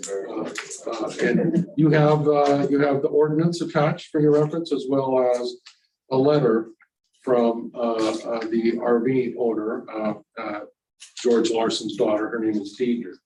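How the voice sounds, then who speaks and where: A man giving a staff report to a city council, halting and full of filler sounds. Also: mid-range voice, fairly even intonation, mellow, a little hiss or hum. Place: council chamber. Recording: roomy and far from the mic.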